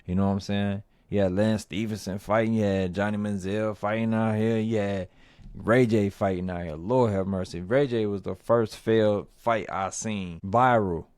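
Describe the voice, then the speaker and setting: A man doing casual, rambling commentary on movies and viral fights, slangy and animated when ranting. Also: on the low side, normal speed, clean tone, no room sound, clean studio sound. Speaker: movie review vlogger.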